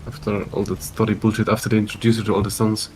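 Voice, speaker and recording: Grumbling low-voiced man gaming. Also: little pitch movement, fast talker, background noise. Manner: grumbling and blunt. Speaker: gamer. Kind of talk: casual gaming chat. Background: game music.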